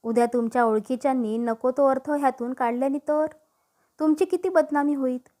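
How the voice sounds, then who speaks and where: A woman's voice: sits high, normal speed, dark tone, close to an everyday voice. A woman voicing a sly gossiping auntie. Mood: insinuating. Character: gossiping middle-aged woman neighbour, sly.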